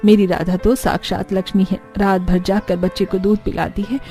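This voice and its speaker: A woman voicing a proud, cheerful grandmother who speaks in a warm, boastful way. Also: mid-range voice, little pitch movement, moderate pace, soft background music, lightly acted. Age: older.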